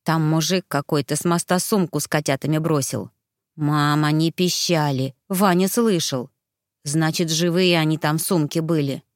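A woman voicing a sick, earnest young boy who sounds hoarse and talks slowly in a storybook reading. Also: low voice, no room sound, clean studio sound, natural voice. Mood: reluctant. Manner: slow, reluctant, earnest.

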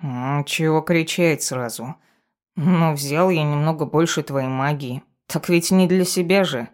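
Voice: mid-range voice, measured pace, natural voice. A reader voicing a self-important male talking cat familiar who grumbles and lectures his mistress in an audiobook. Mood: bossy, lecturing. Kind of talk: audiobook character voice.

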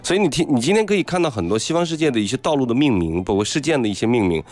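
A man chatting on the radio as a travel guest, telling stories in a lively way. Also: mid-range voice, rapid-fire. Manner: animated storyteller. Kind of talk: casual radio chat.

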